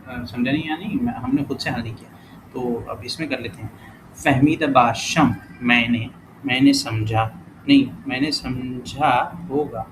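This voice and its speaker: A man teaching a casual lesson who thinks aloud as he works through exercises, corrects himself often and reads example words out slowly. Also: mid-range voice, animated. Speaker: language teacher. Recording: clear background noise.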